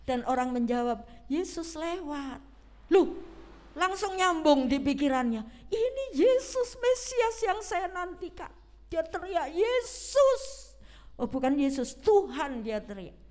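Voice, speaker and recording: A woman preaching a Sunday sermon, retelling a story dramatically and putting questions to the congregation. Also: sits high.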